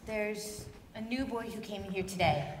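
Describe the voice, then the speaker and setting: A woman playing a nervous teenage girl who keeps to the rules and pleads to be quiet, on stage in an echoey hall. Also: mid-range voice, normal speed, a little hiss or hum, natural voice. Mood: anxious. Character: anxious rule-following teen girl Lucy. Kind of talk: stage musical acting. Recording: echoey hall, long reverb.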